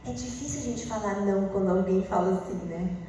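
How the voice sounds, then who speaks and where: A woman's voice: medium pitch, fairly quick, a little hiss or hum. A woman teaching a class, acting out example dialogues in different voices. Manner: animated, acts out example dialogues with shifting voices. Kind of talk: classroom lecture. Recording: echoey room, voice far from the mic.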